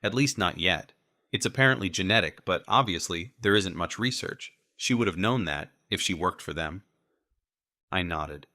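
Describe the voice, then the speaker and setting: A man reading an audiobook in steady, measured first-person narration. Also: sits low, no echo.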